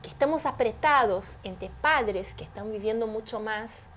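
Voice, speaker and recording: An entrepreneur guest in an animated interview speaks emphatically, often posing rhetorical questions as she explains her points. She has a fairly high voice at normal speed, with slight background noise.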